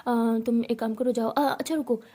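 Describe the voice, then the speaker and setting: Woman doing a playful young lady boss, teasy, warm husky voice. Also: a little high, steady tone, normal speed, lightly acted. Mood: teasing. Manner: teasing, playful.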